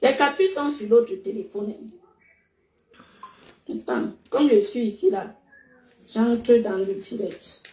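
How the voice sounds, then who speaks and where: A woman's voice: a little high, slow, pauses often, mellow, echoey room, low-quality recording. A chatty woman hosting a live stream on her phone, laughing and urging viewers on. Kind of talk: casual live-stream chat.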